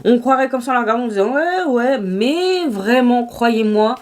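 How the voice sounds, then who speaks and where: Woman, French accent, slightly high pitch, casual beauty vlog chat, animated, laughs a lot. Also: normal speed. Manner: chatty and animated, laughs often, slangy. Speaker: beauty vlogger. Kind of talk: casual makeup review chat.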